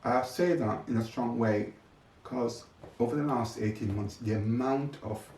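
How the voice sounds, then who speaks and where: Unhurried and mid-range with a darkish tone, an older man looks back on his experiences during an interview, telling it in his own words. Faint noise and echo come through the distant microphone.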